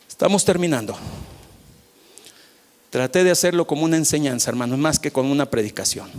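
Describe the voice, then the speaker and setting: A man, preaching a sermon as pastor, swinging from loud calls to soft, low asides. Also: big-room sound.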